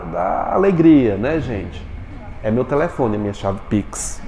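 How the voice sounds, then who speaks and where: A Brazilian man lectures a class as their teacher, tossing quick questions to the students between explanations. His voice rings through a roomy classroom with a long reverb tail, and faint noise hums underneath. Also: on the high side, darkish tone. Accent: Brazilian Portuguese.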